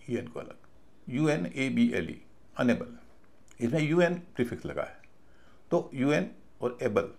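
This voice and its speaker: A man teaching a video class, slow and patient, stopping to spell out each word letter by letter. His voice is gravelly and rises and falls a lot. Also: mid-range voice, a little mellow. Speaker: English pronunciation teacher.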